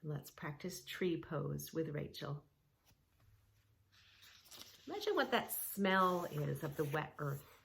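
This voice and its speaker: Reading a yoga story for preschoolers, a woman talks simply and encouragingly straight to the child. Her deep voice is gravelly, a bit bright, and expressive; she speaks slowly, pauses often, and there's slight background noise.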